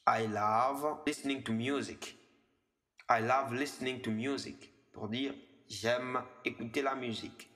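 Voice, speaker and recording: Guy in his 20s teaching english, says the examples slow and twice, echoey reverb-y room. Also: medium pitch, steady tone, a bit bright. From DR Congo. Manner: slows down and repeats the English example phrases. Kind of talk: language lesson explained in French.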